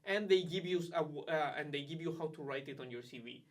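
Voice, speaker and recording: A man, a graduate student ambassador, talking in a casual, animated, chatty way with lots of fillers. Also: fairly high pitch, fast, far from the mic. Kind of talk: casual conversation.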